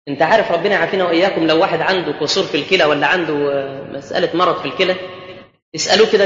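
A man's voice: sits high, fairly bright tone. A male preacher with an Egyptian accent, giving a colloquial mosque sermon full of rhetorical questions and banter. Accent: Egyptian Arabic. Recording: echoey dull mosque hall.

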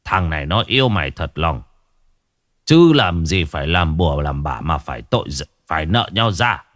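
A man voicing a stern, gruff old male village shaman in a spoken ghost story. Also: rumbling low, very animated, a bit bright, dry recording, studio quality, voice pushed down, full character voice. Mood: weary. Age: older. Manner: gruff, commanding, slow.

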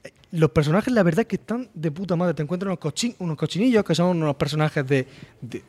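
A man from Murcia, Spain, hosting a podcast and telling stories about a video game in an animated, swear-heavy casual chat. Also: on the high side, fast, breathy edge. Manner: animated storyteller, swears freely. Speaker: podcast host.

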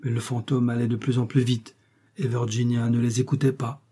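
A man reading a classic tale aloud as an audiobook narrator, calm and measured. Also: mid-range voice, husky.

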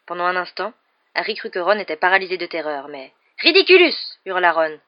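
Woman reading a book out loud, lowish voice, steady, kinda muffled lo-fi. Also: fast talker. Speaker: audiobook reader. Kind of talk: reading a novel aloud. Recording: muffled lo-fi recording.

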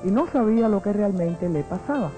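A woman's voice: medium pitch, animated, fairly quick, poor audio. A woman giving scripted documentary narration. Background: background music.

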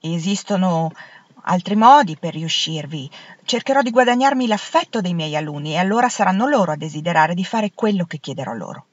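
A woman's voice: lowish voice, expressive, a little fast, dry recording. A woman voicing an earnest, idealistic young woman teacher who speaks in an impassioned, pleading way, in a storybook reading. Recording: dull lo-fi, dry.

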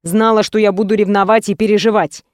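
A woman voicing a confident, jealous young man who is her narrator's former lover, speaking low and reproachfully. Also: fairly even intonation, fairly quick, darkish tone, no echo, studio quality, close to an everyday voice.

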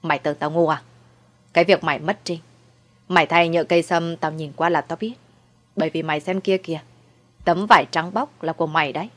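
A woman's voice: sits low, steady tone, brisk, long pauses, natural voice. A woman voicing a scheming, cruel old mother-in-law in a storybook reading, coldly mocking. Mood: contemptuous. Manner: mocking, sweetly cold then shrieking.

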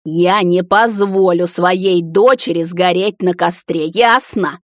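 A woman's voice: fairly low pitch, moderate pace, dry recording, clean studio sound, close to an everyday voice. A woman voicing a desperate middle-aged king who pleads, rages and breaks down in an audiobook. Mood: shouting, desperate. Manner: pleading then shouting, raw and broken. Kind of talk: audiobook character reading.

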